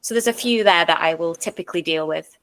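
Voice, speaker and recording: A woman speaking coach and speech therapist answering interview questions, explaining clearly in numbered points. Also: lowish voice, quick pace, a bit bright, slight background noise. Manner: sometimes demonstrates techniques in her own voice.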